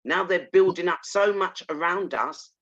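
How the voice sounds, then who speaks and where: A man's voice: high voice, normal speed, fairly bright tone, muffled recording. A man from Barbados, co-hosting a casual reaction chat and talking in an indignant, emphatic way with rhetorical questions. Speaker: show co-host.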